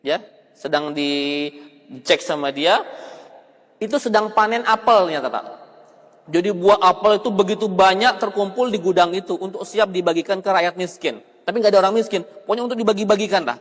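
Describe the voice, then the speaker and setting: A male preacher with a high voice tells a story as a sermon. He is animated and keeps addressing his listeners directly. His voice rings with a long reverb in a hall. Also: brisk.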